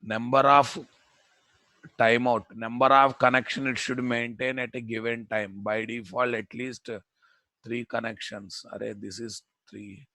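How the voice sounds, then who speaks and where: Slow-paced man teaching, Telugu Indian accent. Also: medium pitch, flat delivery, sharp tone, dry recording. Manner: repeats phrases, checks understanding, chiding asides to students. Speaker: programming instructor. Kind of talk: live technical lesson.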